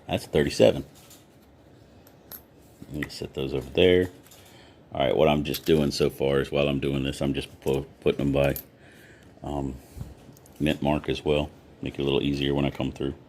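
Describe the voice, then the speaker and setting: A man's voice: very deep voice, little pitch movement, normal speed, pauses often, darkish tone, a little hiss or hum. A man chatting casually in a hobby vlog as he sorts coins and reads off their dates one after another. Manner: easygoing, talks while sorting, lists coin dates. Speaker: coin collector vlogger.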